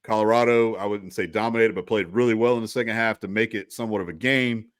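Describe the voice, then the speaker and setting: A man's voice: fairly low pitch, steady tone, quick pace, no room sound, clean studio sound. A man co-hosting a casual college football talk show, rambling with frequent restarts and asides. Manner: rambling, restarts, lots of "you know". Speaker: co-host.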